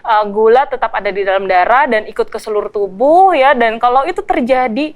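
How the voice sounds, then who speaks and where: A woman's voice: on the high side, animated, brisk. A woman with an Indonesian accent explaining a product conversationally as a consultant, chatty and step by step.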